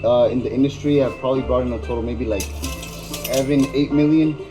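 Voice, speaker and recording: A man's voice: mid-range voice, steady tone, brisk, music in the background, low-quality recording. A man in his twenties from Miami, talking casually as an interview guest and often dropping "yeah, yeah.". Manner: laid-back, repeats fillers like "yeah, yeah". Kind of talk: casual conversation.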